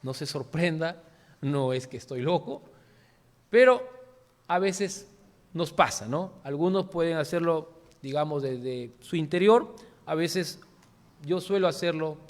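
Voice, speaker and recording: Earnest man preaching a sermon. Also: high-pitched. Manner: earnest, often adds a questioning "¿no?" and addresses listeners as "hermanos"; speaks in short spoken phrases with repetitions.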